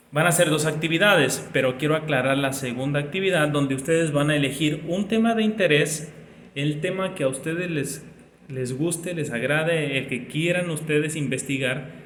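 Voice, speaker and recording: A man teaches a remote class, explaining patiently and checking that his students follow. His voice sits a little high. The recording has a long, echoey room reverb over a faint background hiss. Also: fairly bright tone.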